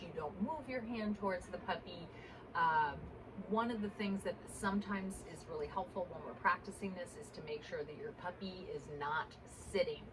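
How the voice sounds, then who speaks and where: A woman working as a dog trainer, explaining a puppy exercise in an informal instructional demonstration. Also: medium pitch. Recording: distant mic, clear background noise.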